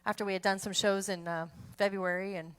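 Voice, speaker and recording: A woman's voice: medium pitch, flat delivery, brisk, a bit bright, clean tone. A woman, chatting in a rambling way between polka songs as the host of a music show. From Texas. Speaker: polka band musician hosting an online show. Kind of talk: casual chat between songs.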